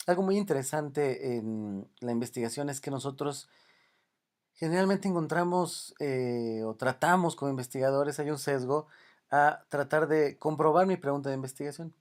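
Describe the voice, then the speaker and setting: A man giving an unscripted lecture on research methods, often pausing with "eh" and ending points with a questioning "¿no?". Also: a little high. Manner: unscripted, many "eh" fillers and "¿no?" tags. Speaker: university lecturer. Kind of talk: recorded lecture.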